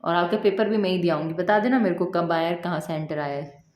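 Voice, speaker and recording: A woman's voice: on the low side, a little fast, a little mellow. A woman chemistry teacher with a Rajasthani Hindi accent, explaining a lesson step by step in a chatty way and teasing her students. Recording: echoey room.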